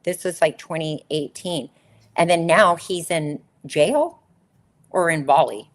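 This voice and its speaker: Slow and low-voiced, a former model in middle age recounts her story during an interview. She speaks with emphasis, circling back to repeat phrases to stress them, in a candid, conversational way.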